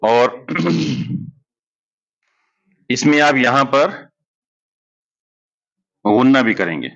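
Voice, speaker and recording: A man's voice: mid-range voice, lively intonation, fairly bright tone. Male tajweed teacher, lo-fi. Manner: explains step by step, slowly drawing out recited words as examples. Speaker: Quran recitation teacher. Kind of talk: classroom lesson. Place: madrasa classroom.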